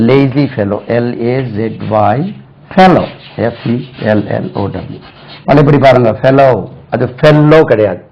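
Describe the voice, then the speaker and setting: A man's voice: mid-range voice, muffled recording. A man teaching spoken English in Tamil, who spells words out letter by letter, repeats them and often checks with "right?". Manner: drills example sentences slowly, asks "right?" often.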